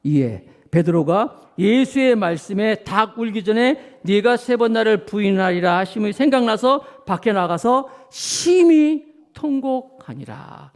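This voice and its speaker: A man's voice: high voice, normal speed, few pauses. A male pastor preaching a sermon, telling the story vividly and speaking straight to his congregation. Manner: animated storytelling, acts out voices and sounds; addresses congregation directly.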